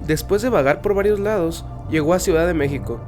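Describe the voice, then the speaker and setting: A man's voice: a little high, a little fast. A man narrating a scripted horror and mystery podcast in a dramatic horror-trailer manner. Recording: music bed under the voice. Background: music.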